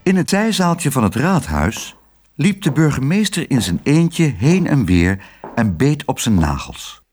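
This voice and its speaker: Animated male storybook reader. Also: medium pitch, measured pace, husky, faint music behind. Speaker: narrator. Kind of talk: children's storybook reading.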